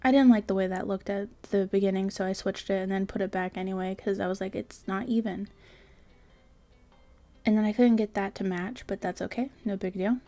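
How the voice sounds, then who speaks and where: A woman's voice: medium pitch, steady tone, fast talker, hardly any pauses, dark tone, soft background music. A tired woman giving casual, rambling voice-over commentary on her building game, full of fillers and trailing asides. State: tired, yawning.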